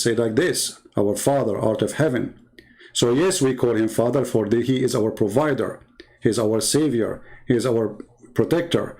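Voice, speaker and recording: On a low-quality recording, an online debater, a middle-aged man with an Arabic accent, spars with commenters, sarcastically laughing and sounding scornful and mocking. His voice is medium-pitched and slightly mellow.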